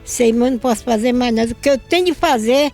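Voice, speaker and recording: A woman's voice: on the high side, quick pace, dark tone, faint music behind. An older woman from northeastern Brazil giving an emotional religious testimony about her son, often repeating herself and quoting others.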